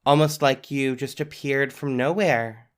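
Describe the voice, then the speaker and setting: A woman's voice: rumbling low, steady tone, unhurried. A woman playing a sarcastic, suspicious heroine. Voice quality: dry, sarcastic. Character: cool, suspicious woman superhero, passive-aggressive. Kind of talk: audio drama acting.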